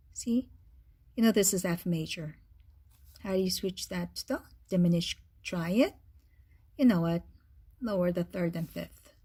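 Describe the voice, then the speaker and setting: Husky-voiced woman teaching music theory. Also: lowish voice, warm tone. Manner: explains step by step, checks in with "okay?" and "right?". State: tiring voice after a long day of talking. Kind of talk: classroom lesson.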